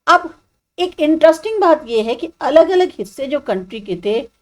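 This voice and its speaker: A woman's voice: sits high, animated, normal speed. A woman teacher explaining a social science textbook chapter step by step, asking students questions and mixing in English terms.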